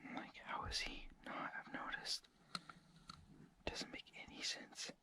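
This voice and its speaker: A man's voice: unhurried, sharp tone. Young man, whispered, frightened, self-recorded account, close camera, inside a vehicle. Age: young adult. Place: inside a parked truck at night. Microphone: action camera close by.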